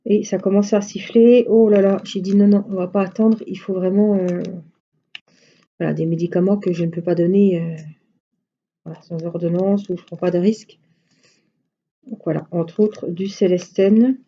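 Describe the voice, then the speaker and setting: A woman's voice: mid-range voice, steady tone, normal speed, mellow, muffled recording. A middle-aged woman chatting casually on a live stream, rambling through everyday anecdotes. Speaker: craft live-stream host.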